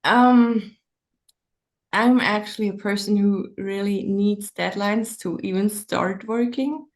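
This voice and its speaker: A woman's voice: mid-range voice, slow. A woman from Switzerland with a Swiss German accent, an author thinking aloud hesitantly in a conversational interview.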